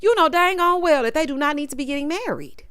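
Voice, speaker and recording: Woman recap host, sassy and animated, bright lively pitch, dry booth-like sound. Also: fast talker, dry recording. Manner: sassy, animated, drawling slang. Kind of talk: casual recap commentary.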